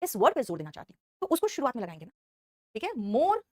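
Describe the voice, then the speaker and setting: A woman with an Indian accent teaching English grammar in an online class. She explains step by step, slowly repeats the example sentences and praises students by name. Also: a little high, huge pitch swings, a little hiss or hum.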